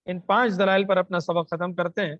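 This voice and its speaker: A man with a Pakistani Urdu accent and a high voice teaches a Quranic grammar class. He chants verses slowly and then quizzes his students, answering his own questions. The sound is dry and a little dull. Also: level tone, fairly bright tone, no room sound. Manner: asks the class questions and answers them himself. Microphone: microphone.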